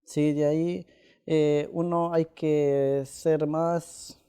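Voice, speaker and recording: Soft-toned man. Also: fairly high pitch, level tone, clean tone. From Ecuador. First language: Quichua. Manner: halting, with many pauses and "eh" fillers. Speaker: interviewee. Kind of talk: casual conversation.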